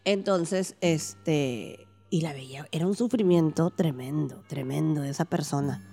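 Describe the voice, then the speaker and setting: A woman's voice: low-pitched, unhurried, gravelly, soft background music. A woman with a Mexican Spanish accent telling a story in casual chat, acting out the dialogue. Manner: animated, acts out quoted dialogue. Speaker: podcast guest recounting paranormal experience.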